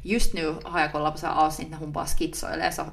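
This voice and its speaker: A woman's voice: sits low, little pitch movement, vocal fry, a bit bright. Rambling young woman podcast co-host. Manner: rambling, self-interrupting, jokey. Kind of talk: casual chat.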